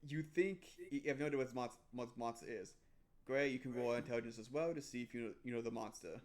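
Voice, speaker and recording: A young man narrating a tabletop game as game master, stumbling over words and restarting often. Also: mid-range voice. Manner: halting, many restarts and fillers.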